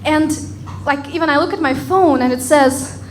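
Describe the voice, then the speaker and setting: A woman from Russia with a Russian accent doing a deadpan stand-up set on a comedy club stage. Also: sits high, moderate pace. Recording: loud crowd and room noise in a club. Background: audience laughter.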